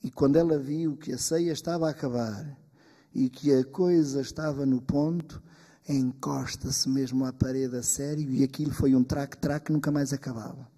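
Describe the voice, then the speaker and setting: A man telling a folk tale live on stage, lively and animated, in a long-reverb hall. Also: mid-range voice, normal speed, husky. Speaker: storyteller.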